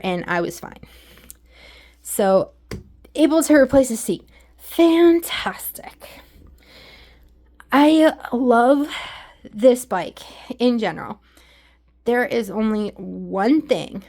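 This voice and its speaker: Woman, fairly high voice, casual candid vlog reviewer, a little out of breath on an exercise bike at home. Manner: chatty, candid, self-deprecating. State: slightly out of breath from pedaling. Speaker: product reviewer.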